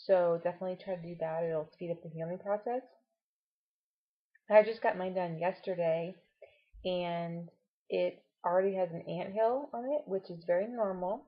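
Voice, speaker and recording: Low, husky woman vlogging casually. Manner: explanatory, reassuring, advice-giving. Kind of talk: casual personal update to camera. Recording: dull, muffled lo-fi home recording.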